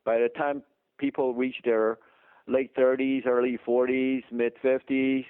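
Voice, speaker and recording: Heard over a dry, tinny phone line, this middle-aged man from Taiwan has a clear, resonant, medium-pitched voice, level in tone and a little slow. A dentist guest with a Taiwanese accent, he explains emphatically during an interview conversation, chuckling often.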